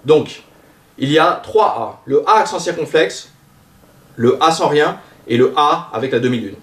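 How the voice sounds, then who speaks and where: A man teaching a language lesson, explaining vowel sounds and drawing out example words slowly. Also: fairly high pitch, animated, a bit bright, recorded from a distance. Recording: roomy sound, voice a bit off-mic.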